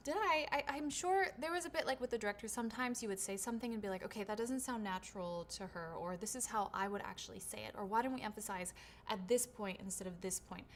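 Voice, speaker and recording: Her mid-range voice moves at a quick pace, with a little hiss or hum in the background. This native English-speaking voice actor hosts a livestream Q&A on a shotgun studio mic, reading questions from viewers and answering brightly and chattily with lots of "right?" and "um."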